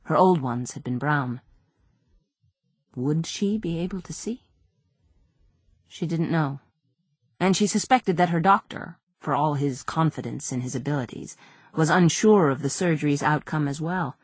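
Low, husky woman narrating. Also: measured pace, no echo. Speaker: audiobook narrator. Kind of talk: scripted narration.

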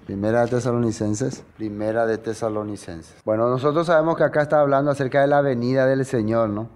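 A male preacher giving a sermon Bible study, often tossing rhetorical questions to his listeners and dropping his voice for emphasis. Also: a little mellow. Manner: dramatic pauses, sudden drops in pitch.

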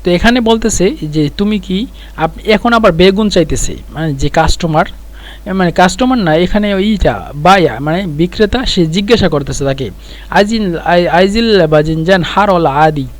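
A middle-aged man gives a spoken Arabic lesson, saying each phrase several times and breaking it down word by word. His voice sits fairly high, and he keeps a patient teaching rhythm. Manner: repeats phrases slowly, explains word by word.

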